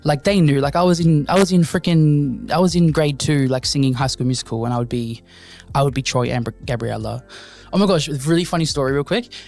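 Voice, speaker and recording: A man's voice: fairly high pitch, brisk, vocal fry, darkish tone, soft background music. A young man hosting a casual solo podcast, rambling and joking at his own expense as he talks straight to his listeners. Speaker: podcast host.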